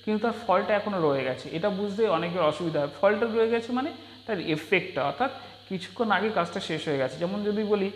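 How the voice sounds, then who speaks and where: A man teaching a spoken English lesson in Bengali, patiently repeating example sentences in slow drills. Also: high-pitched, animated, slight background noise. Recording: echoey room with long reverb.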